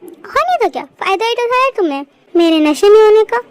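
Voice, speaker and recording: A woman's voice: very high voice, big pitch swings, a little fast, pitched above the performer's own voice. A woman voicing a hurt, furious young wife who hurls bitter accusations in a fan-dub audio drama. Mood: accusing.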